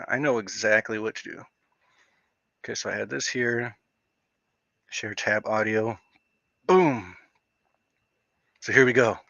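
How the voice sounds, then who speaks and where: Male streamer, chatty and rambling, gets excitable; dry, muffled home-stream sound. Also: mid-range voice, dry recording. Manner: rambling, excitable, heavy use of "like". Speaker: livestream host. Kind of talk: casual livestream chat. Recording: dull lo-fi dry stream audio.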